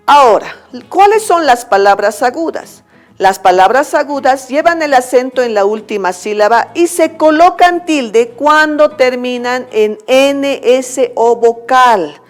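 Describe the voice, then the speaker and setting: A Bolivian woman teacher explains a lesson slowly and patiently, her voice a little high. She checks in with her class after each point. Soft music plays faintly behind her. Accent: Bolivian Spanish. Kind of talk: recorded school lesson.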